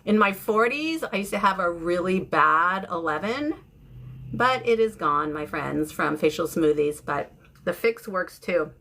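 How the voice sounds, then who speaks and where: A woman in her fifties, originally from the UK and now living in San Francisco, hosts a livestream with an American accent, chatting casually and informally with viewers about beauty. Her lowish voice is expressive, unhurried and sharp in tone. The recording is clear, with background noise and room ambience.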